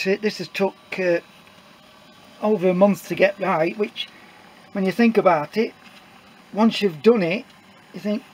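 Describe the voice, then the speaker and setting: A man's voice: high voice, slight background noise, low-quality recording. A middle-aged man casually walks through his homemade build in a workshop, rambling and plain-spoken with many uhs and restarts. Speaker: DIY maker showing a build. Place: workshop indoors. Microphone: camera mic, filming own hands off-camera.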